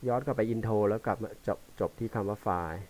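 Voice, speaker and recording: A man teaching bass, explaining notation loosely and haltingly between examples played on the instrument. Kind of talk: casual instructional talk between playing. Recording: quiet voice under loud bass playing. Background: loud electric bass playing.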